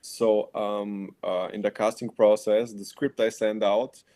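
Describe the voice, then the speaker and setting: A young man raised in Austria with Bulgarian as his first language, answering questions as a film director at a festival Q&A in a halting, reflective way. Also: on the low side, level tone, dark tone. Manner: halting and reflective, with light laughs.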